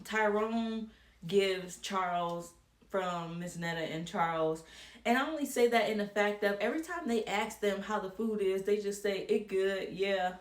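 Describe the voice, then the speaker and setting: Chatty woman vlogger with a middling voice, walking her viewers through a story in casual commentary. She talks in a joking, slangy way with frequent asides. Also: mid-range voice.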